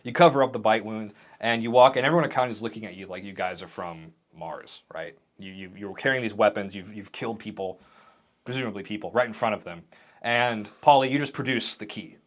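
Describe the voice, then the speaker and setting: A man running a tabletop game as game master, narrating the scenes in a vivid, animated way. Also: on the low side, fairly quick.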